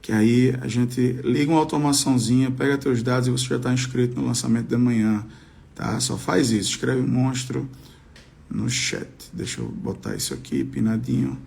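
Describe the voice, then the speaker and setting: A man's voice: mid-range voice, lively intonation, moderate pace, vocal fry, a little mellow. A Brazilian man hosting a casual live stream in a slangy, rallying gym-bro style. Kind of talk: casual hype live chat.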